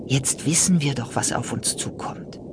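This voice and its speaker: A woman's voice: extremely low pitch, a little slow, background noise. A woman reading a storybook, voicing a kind and brave rainbow fish in a soothing, raised voice. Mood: reassuring.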